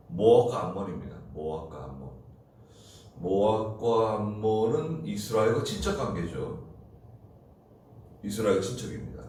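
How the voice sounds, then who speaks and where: A man preaching a slow, deliberate early-morning sermon as pastor, asking rhetorical questions. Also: fairly low pitch, darkish tone. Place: church. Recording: roomy, distant mic with faint noise.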